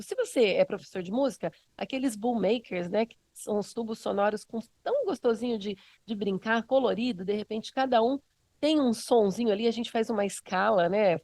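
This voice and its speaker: A woman's voice: a little high, darkish tone, no room sound. A woman with a Brazilian Portuguese accent, a music educator giving a casual, encouraging teaching talk with many fillers.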